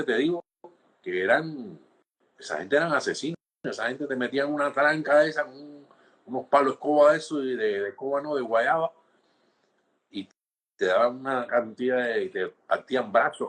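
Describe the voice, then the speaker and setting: A husky-voiced Cuban man in his sixties tells his stories in a relaxed, conversational way. He slips into the voices of the people he quotes and keeps checking in with the listener. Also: medium pitch, normal speed. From Cuba. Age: 60s. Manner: animated storytelling, acts out quoted guards, frequent restarts and "¿entiendes?". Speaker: interviewee, former political prisoner. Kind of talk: conversational interview storytelling.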